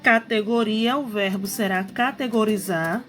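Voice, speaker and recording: A woman teacher talks slowly through a grammar lesson at a mid-range pitch. She repeats each point patiently and keeps checking that her students follow. Faint music plays softly behind her. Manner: patient, repetitive explaining, checks understanding with "tá?".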